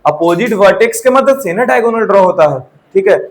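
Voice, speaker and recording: Brisk and expressive, a man whose voice sits high delivers a classroom maths lecture on a low-quality recording. He quizzes the students frequently, repeating "theek hai" to make sure they follow.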